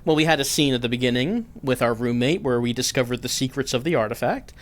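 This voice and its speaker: A man's voice: medium pitch, fast. A man giving casual, wry commentary as the host of a game playthrough. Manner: dry, wry joking. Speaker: gaming host.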